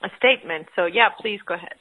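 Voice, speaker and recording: A woman's voice: mid-range voice, fast talker. A woman hosting a telesummit call, reading listener questions and keeping time. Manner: upbeat, reads out listener questions. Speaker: host. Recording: tinny phone line.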